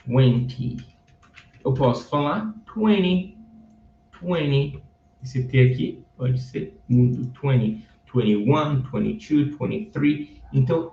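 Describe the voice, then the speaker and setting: A man teaches English from Bible stories, speaking slowly and repeating each word patiently for practice. He sits some way from the mic, so his voice comes through roomy and a little dull. A faint hum runs behind him. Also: mid-range voice, warm tone. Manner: patient, slow drilling, repeating words for practice. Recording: dull, roomy recording from a distance.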